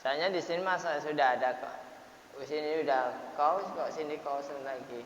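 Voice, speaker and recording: A man teaching Quran recitation rules, explaining in short broken phrases and drawing words out slowly to demonstrate, often clearing his throat. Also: fairly high pitch. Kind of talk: tajwid lesson, explaining and modeling recitation. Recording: echoey, hissy, dull lo-fi room recording.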